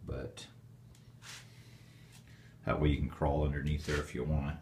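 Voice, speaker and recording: Homeowner, male, very low voice, plainspoken, rambling tour, echoey basement. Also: level tone, a little slow, darkish tone, a little hiss or hum. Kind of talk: casual walkthrough narration. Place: dark stone basement, indoors. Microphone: handheld phone camera.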